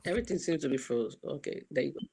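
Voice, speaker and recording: A woman chairing a program, speaking quietly and hesitantly over a video call whose choppy audio keeps breaking up. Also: low-pitched, animated, fast, vocal fry, breathy edge. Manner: quiet and hesitant, with many fillers. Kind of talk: casual talk on a video call. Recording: distant, glitching online call audio.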